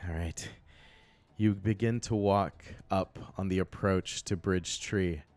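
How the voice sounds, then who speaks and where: A man narrating a tabletop game as game master, describing scenes in a measured way. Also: deep voice, steady tone, darkish tone, dry recording.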